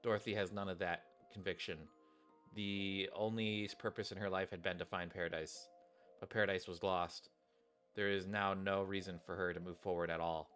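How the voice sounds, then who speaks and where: He's a gamer on stream, low-pitched and fairly bright, speaking at a moderate pace with a flat delivery. His talk is loose and rambling, aimed at viewers, as he comments on the game and reads its story text, with game music in the background.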